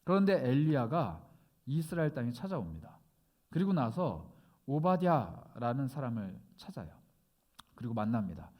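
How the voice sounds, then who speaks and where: A male pastor preaching a sermon, retelling a scripture story in lively conversational storytelling and briefly acting out the characters' words. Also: mid-range voice, moderate pace. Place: church sanctuary.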